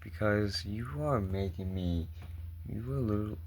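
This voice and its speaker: A man with a low voice reads out messages in a casual reaction style. He takes his time, sounding baffled and disbelieving at what he reads. There is faint noise in the background. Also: measured pace, darkish tone. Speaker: video creator reacting to viewer messages. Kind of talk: casual reaction commentary, reading messages aloud.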